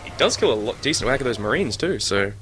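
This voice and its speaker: A man's voice: medium pitch, very animated, fast talker, a bit bright, a little hiss or hum. A man co-commentating a live esports match with dry, wry banter.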